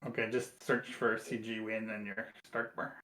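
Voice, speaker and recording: A man's voice: lowish voice, level tone, a bit bright, echoey room, rough recording. Man giving repetitive casual instructions. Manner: repeats words, quick affirmations. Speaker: co-host guiding setup.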